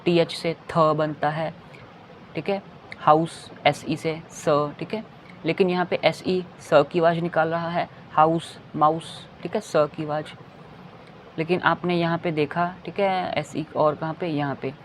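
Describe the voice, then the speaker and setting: Slow, patient phonics teacher. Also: mid-range voice, fairly even intonation, a little hiss or hum. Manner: slowly spells out letters and sounds, repeating each word; says "theek hai" between points. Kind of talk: kindergarten phonics lesson.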